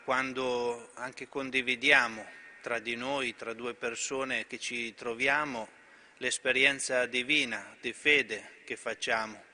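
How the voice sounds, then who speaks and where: A man, a priest, giving a homily in church, speaking haltingly with pauses and restarts. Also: mid-range voice, bright, forceful tone.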